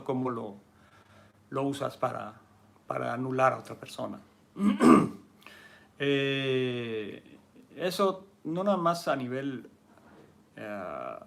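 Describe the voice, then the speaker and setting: Gravelly Mexican martial arts teacher. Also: male voice, mid-range voice. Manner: conversational, keeps asking "¿sí?" to check understanding; acts out arguing people in a raised, mocking voice. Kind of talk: casual teaching talk.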